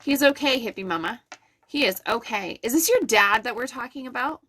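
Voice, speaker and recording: A woman's voice: on the high side, fairly quick, fairly bright tone. A middle-aged woman giving an earnest, soothing live card reading, talking straight to her viewers. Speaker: intuitive card reader. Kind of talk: live-stream tarot reading.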